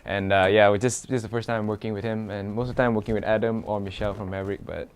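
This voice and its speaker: A man's voice: fairly low pitch, little pitch movement, fast talker, smooth. A man talking casually and informally to viewers as a vlogger. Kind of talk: casual vlog chat.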